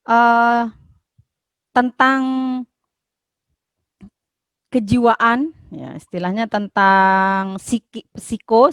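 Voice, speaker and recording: A woman's voice: on the high side, dry recording. A woman from Indonesia giving a university lecture, explaining patiently with frequent fillers and restarts.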